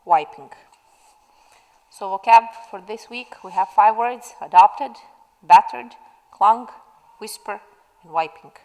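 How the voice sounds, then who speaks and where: A woman teacher giving a vocabulary lesson, saying each word slowly and clearly. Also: medium pitch, a little mellow, big-room sound, poor audio. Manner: slow, clear word-by-word dictation.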